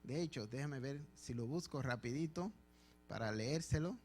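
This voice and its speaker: A man's voice: mid-range voice, lively intonation, moderate pace, darkish tone, slight background noise. A man with a Dominican Spanish accent, a pastor preaching a sermon in church with emphatic, repeated phrases. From Dominican Republic.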